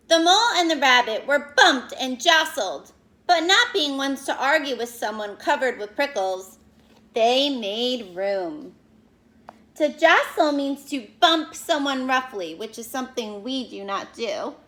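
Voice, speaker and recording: A high-sitting female voice brings a picture book to life for little children. She reads like a teacher, with plenty of expression, and stops to explain and ask questions.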